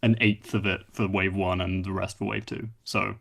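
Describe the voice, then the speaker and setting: Low-voiced man reasoning it through. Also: little pitch movement, moderate pace, creaky, a bit bright. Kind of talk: casual gaming chat.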